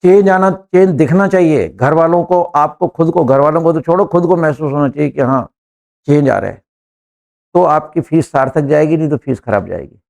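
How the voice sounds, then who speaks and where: A man's voice: fairly high pitch, normal speed, creaky, darkish tone. A man teaching an English class, joking and quizzing students one by one.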